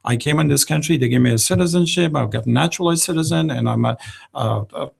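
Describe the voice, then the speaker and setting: Afghan-accented middle-aged male guest, gravelly voice, emphatic and earnest, at a studio desk mic. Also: fairly high pitch, fast talker, a little mellow. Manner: passionate, emphatic, non-native grammar. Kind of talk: radio interview. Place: small radio studio. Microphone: desk microphone.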